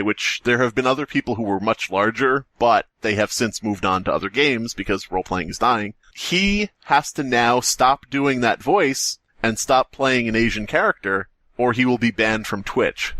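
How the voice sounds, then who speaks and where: A podcast co-host chats casually in a comedic, rambling way, telling sardonic stories and cracking jokes. His voice sits at a medium pitch with lively intonation and a slightly bright tone, at a moderate pace with no room sound.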